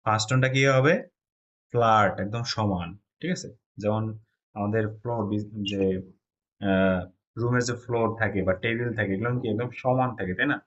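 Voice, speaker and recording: The recording has its highs cut off, carrying a medium-pitched male voice. He's from Bangladesh and teaches Chinese pronunciation step by step, regularly checking that students understand.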